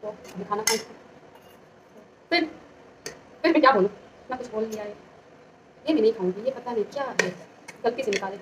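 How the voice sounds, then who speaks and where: A young woman vlogging at home in casual, fast, chatty talk. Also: on the high side, far from the mic. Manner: quick, chatty, talks fast by her own account. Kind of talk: casual vlog chat. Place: home kitchen with dishes about. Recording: home video with noisy background.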